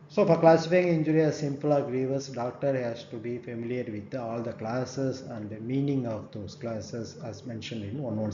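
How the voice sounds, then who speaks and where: A man giving a recorded lecture, explaining step by step, often checking with "right?" and pausing on fillers. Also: medium pitch, mellow. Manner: many "uh" fillers. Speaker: forensic medicine lecturer. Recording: dull echoey room recording, faint hum.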